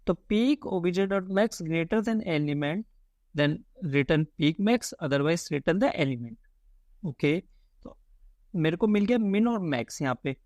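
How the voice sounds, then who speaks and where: A man teaching code in a relaxed, chatty way, thinking aloud as he types and often calling his viewers "guys". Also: on the high side, slow, dry recording. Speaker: coding tutor. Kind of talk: casual screen-recorded coding lesson.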